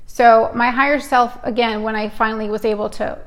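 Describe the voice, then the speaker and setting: A woman's voice: fairly high pitch, fairly even intonation, fairly quick. A middle-aged woman hosting a casual live-stream card reading, chatty and rambling, often cutting herself off mid-thought. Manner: chatty, rambling, hyper and self-interrupting.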